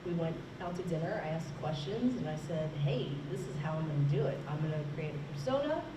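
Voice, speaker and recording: A woman's voice: low-pitched, animated, fast. A woman, a horror host, casually telling anecdotes about her work on a convention panel. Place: large room at a convention, panel. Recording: roomy, distant, noisy convention hall recording.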